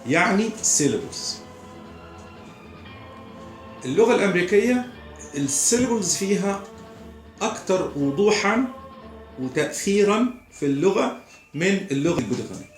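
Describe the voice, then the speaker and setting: An Egyptian man gives a recorded pronunciation lesson, repeating each example word slowly. His voice sits a little high. The room is echoey, with soft music behind him. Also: big pitch swings. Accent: Egyptian Arabic. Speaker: pronunciation teacher.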